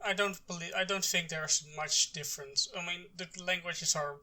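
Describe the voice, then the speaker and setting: Very bright-voiced native Dutch-speaking man. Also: sits high, steady tone, normal speed. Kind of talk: casual discussion.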